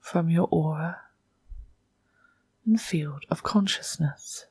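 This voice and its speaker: Guiding a meditation, a woman speaks in a lowish, extremely breathy voice, very slow and hushed and often nearly a whisper. She offers short, measured phrases separated by long pauses, and there is no room sound.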